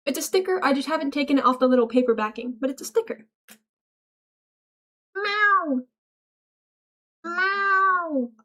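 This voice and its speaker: A woman's voice: sits high, animated, very fast, hardly any pauses. A young woman streaming, reading chat aloud and joking back in a playful, mock-serious way. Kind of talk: casual livestream chat.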